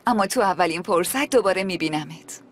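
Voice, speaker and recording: An actress dubbing a gentle, polite woman doctor in a TV drama. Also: lowish voice, animated, close to an everyday voice. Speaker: dubbing actor. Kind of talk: dubbed TV drama.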